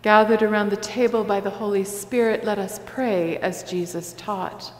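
A woman pastor leading prayers and the communion liturgy in a large church sanctuary, with a slow, measured cadence. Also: medium pitch. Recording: echoey church hall.

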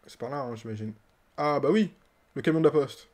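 Male streamer, mid-pitched, playful running commentary, chats with game characters. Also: a little fast, a little mellow. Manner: playful, laughs often, talks to game characters. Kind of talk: casual let's-play commentary.

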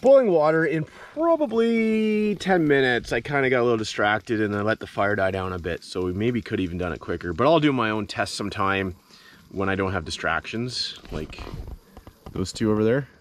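A man's voice: on the low side, lively intonation, moderate pace. A man in his thirties making a casual camping vlog, chatting to the camera with lots of ums and uhs, outdoors beside a cornfield. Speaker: outdoor vlogger and dad. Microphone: handheld action camera at arm's length.

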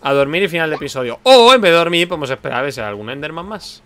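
Man, lively and teasing, bright voice, casual lets-play banter. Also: a little high, racing. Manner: animated, teasing, bursts of exclamations. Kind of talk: casual game chat.

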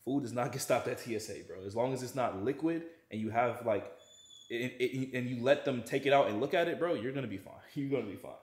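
This is a young male fitness vlogger speaking casually and slangily to the camera as he cooks in a spacious home kitchen. He talks fast in a mid-range, darkish voice, and the kitchen sounds echoey.

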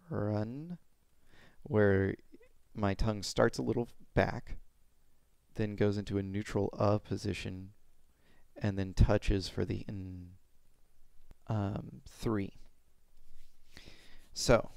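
A young adult man giving an informal, step-by-step pronunciation lesson in a halting way, speaking into a headset mic at home. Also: lowish voice, creaky, a little mellow, no echo. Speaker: pronunciation teacher. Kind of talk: informal instructional explanation with demonstrated sounds. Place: small room at home.

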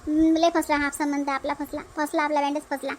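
A woman's voice: high voice, level tone, a little fast, darkish tone, a little hiss or hum, lightly acted. A woman voicing a defiant young married woman in a cartoon dub, with a Varhadi Marathi accent and an aggrieved, insistent way of speaking. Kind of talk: cartoon dubbing.

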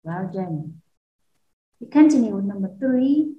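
A Vietnamese-accented woman teaching an English class to children, slow and patient, repeating answers for pupils. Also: medium pitch, animated, slightly rough, no room sound, dull audio. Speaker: primary school English teacher. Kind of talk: online class lesson.

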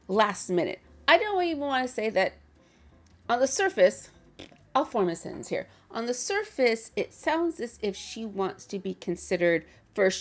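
A woman chatting casually as she hosts a reaction video from her bedroom, animated and laughing often. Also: a little high.

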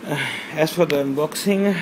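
Filming on a handheld phone in a small bedroom, a man speaking Urdu casually unboxes a product at a normal speed, his pitch fairly high. He stumbles along with many fillers and reads labels off the box. There's a noisy background behind him.

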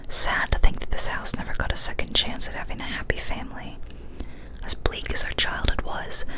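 Close to her boom-arm studio microphone, a young ASMR storyteller whispers scary tales in a soft, breathy, unvoiced hush, taking care with each word. The setting is a small decorated room indoors. It's a rough recording.

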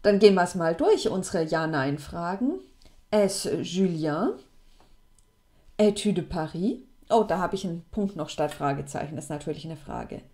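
A woman, explaining French question forms to students in a lively, chatty way. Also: normal speed. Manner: lively, chatty, plays with pitch for emphasis. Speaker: French teacher.

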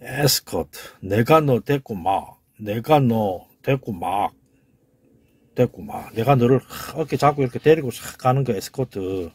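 A man's voice: medium pitch, expressive, measured pace, darkish tone, slightly rough, no room sound. A man with a Gyeongsang Korean accent giving an informal lecture, emphatic, repeating key words and sounding them out.

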